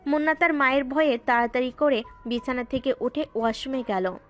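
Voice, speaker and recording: A woman narrates a romantic audio story in an easygoing, conversational way. Her voice sits a little high. Faint background music plays under the narration. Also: brisk, dull audio.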